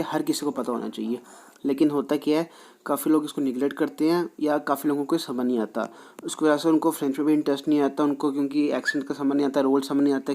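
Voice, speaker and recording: A man teaching a French lesson online, switching between Hindi and English, reading terms slowly and explaining them quickly. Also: a little high, a little mellow.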